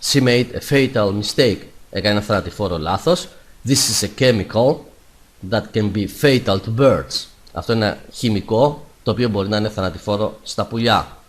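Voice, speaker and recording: A man teaching English vocabulary, saying each English word louder and slower before its translation. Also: lowish voice. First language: Greek. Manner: says English words louder and slower, then Greek translations. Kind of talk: vocabulary lesson.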